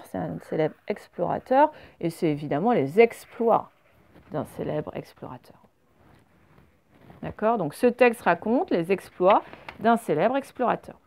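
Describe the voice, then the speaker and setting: Woman teacher, French accent, slow clear spelling, reading lesson for kids. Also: medium pitch, darkish tone.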